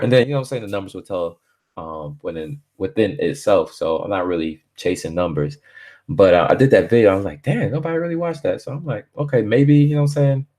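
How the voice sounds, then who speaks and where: A man with a very low, deep voice hosting a casual live stream from home. Born in Barbados, he talks in a laid-back, slangy way, leaning on filler phrases as he rambles. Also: darkish tone.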